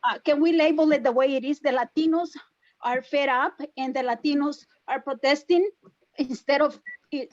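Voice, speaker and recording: A woman from El Salvador comments publicly at an online town hall, her Salvadoran Spanish accent clear as she presses her case defensively and repeats herself. She speaks at normal speed in a high voice with a darkish tone, heard through lo-fi audio.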